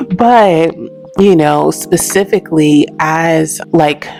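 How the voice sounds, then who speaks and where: Chatty low-voiced woman telling a story. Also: drawn-out words, creaky, faint music behind. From United States, raised in Alabama. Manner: animated, chatty, laughs between lines, big pitch jumps. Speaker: host. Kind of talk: casual direct-to-camera storytelling.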